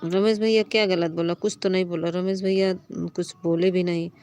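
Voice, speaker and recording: A woman's voice: fairly low pitch, little pitch movement, normal speed, darkish tone, clean tone. Pleading woman live streamer. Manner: pleading, repeatedly reassuring and scolding commenters. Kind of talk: live chat with viewers.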